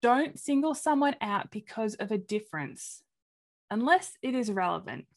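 A woman with an Australian accent giving a webinar presentation over a webcam video call, animated and acting out quoted reactions in different voices. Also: fairly high pitch, moderate pace, vocal fry. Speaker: presenter of an inclusion talk.

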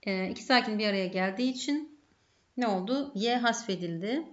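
An Arabic grammar teacher with a Turkish accent moves briskly and animatedly through her lesson, methodically raising questions and answering them herself. Her pitch is ordinary, and the audio sounds dull and lo-fi.

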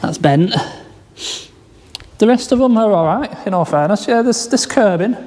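A man's voice: high voice, lively intonation, normal speed, darkish tone, big-room sound. A man rambling through a casual walkaround of a damaged car in a large workshop garage, with many fillers and restarts. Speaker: car salvage vlogger.

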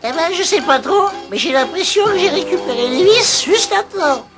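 High squeaky lil clumsy cartoon guy, stammery and way too helpful, music behind. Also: lively intonation, normal speed. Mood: cheerfully helpful. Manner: hesitant, stammering, insistently helpful. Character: clumsy, eager, overgrateful little blue male Smurf. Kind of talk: French cartoon dub acting.

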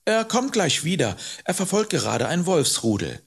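A man's voice: fairly high pitch, sing-song, moderate pace, creaky, breathy edge, pitched above the performer's own voice, heavily acted. A man reading an audiobook, voicing a frightened young boy who cries out in a pleading, shaky voice. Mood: anxious. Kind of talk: audiobook character voice.

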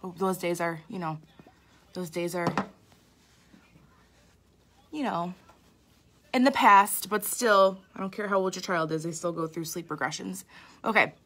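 A woman's voice: lowish voice, unhurried, long pauses, a bit bright. A young woman makeup artist giving a casual live tutorial, chatty and candid, with a tired, sleepy voice. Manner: chatty, candid, self-deprecating, lots of fillers.

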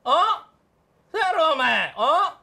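Guy doing a pushy kansai café customer, really high-pitched voice, keeps threatening the staff. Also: sing-song, extremely slow, vocal fry, sharp tone, full character voice. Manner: blustering, threatening, keeps saying "you". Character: loud bullying middle-aged male café customer. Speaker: comedian. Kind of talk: comedy sketch.

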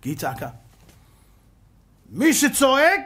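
A man, a rabbi, giving a sermon and firing rhetorical questions at his audience, dropping to a hush and then rising to shouts. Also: very high-pitched, huge pitch swings, husky. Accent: Israeli Hebrew. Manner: dramatic swings from hushed to shouting.

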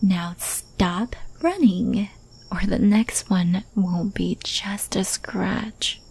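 Slow-soft-spoken obsessive thief woman's ASMR role-play. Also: mid-range voice, fairly even intonation, exaggerated voice. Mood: possessive, menacing. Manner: slow, breathy, coaxing soft voice with pet names. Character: infamous female thief, obsessively lovestruck, teasing and possessive kidnapper.

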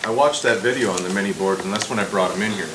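A man chatting casually in an indoor tackle shop, making quick offhand remarks. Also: fairly low pitch, background noise. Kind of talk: casual chat.

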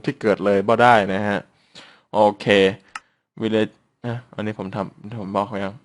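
A young man casually walking through mod settings in a game tutorial, reading menu text haltingly and correcting himself as he goes. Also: fairly low pitch, little pitch movement. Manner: reads English menu text haltingly, self-correcting, ending phrases with polite particles. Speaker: Minecraft mod reviewer.

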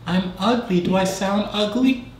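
Give me a teasing fake girl voice from a man through an electronic voice changer, slow and echoey. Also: high-pitched, a little mellow, slight background noise, pitched above the performer's own voice. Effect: electronic voice changer making the voice sound female. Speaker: prank streamer.

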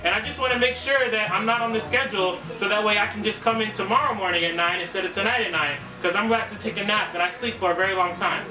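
Oblivious, insistent new hire, played by a young man, rambling deadpan on a prank call, echoey room with music. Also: sits high, quick pace, few pauses, lightly acted. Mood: earnest, insistent. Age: young adult. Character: insistent, oblivious new fast-food employee named Christine. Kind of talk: improvised prank phone call. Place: small living room. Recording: roomy, distant camera sound, music.

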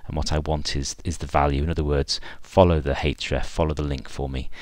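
Man, very low voice, dry close mic; casual screencast demo, thinks aloud. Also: flat delivery, brisk, dry recording. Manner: thinking aloud with fillers and restarts. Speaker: software developer giving a screencast demo. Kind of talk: unscripted screencast walkthrough.

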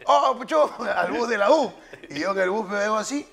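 Peruvian male host, middle-aged, high-pitched voice, laughing, storyteller. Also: a little fast, creaky, music in the background. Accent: Peruvian Spanish. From Peru. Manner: laughing, acts out shouts in his stories. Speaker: host, former footballer. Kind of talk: casual storytelling chat.

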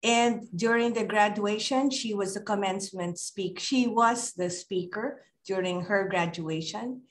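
An older woman reads a speaker introduction at a slow, deliberate pace. Her delivery is measured and ceremonial. She speaks into a computer mic on a video call. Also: mid-range voice. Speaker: webinar host. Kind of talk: reading a formal speaker introduction.

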